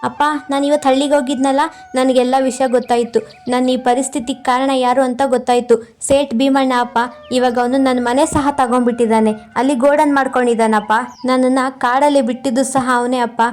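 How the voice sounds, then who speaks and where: A woman's voice: sits high, level tone, a little mellow, soft background music, lightly acted. Woman doing an earnest young man. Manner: earnest, hurried. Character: young man of twenty-five, earnest and upset.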